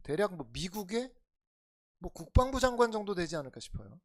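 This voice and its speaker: 교회에서 강해설교를 하는 남자 목사로, 청중에게 질문을 던지며 대화하듯 설교하고, 크게 강조하다가 낮게 속삭이듯 말하기를 오간다. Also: male voice, sing-song, a little fast. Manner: conversational preaching with rhetorical questions to the congregation; swings between loud emphatic lines and soft low asides. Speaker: pastor. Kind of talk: expository sermon.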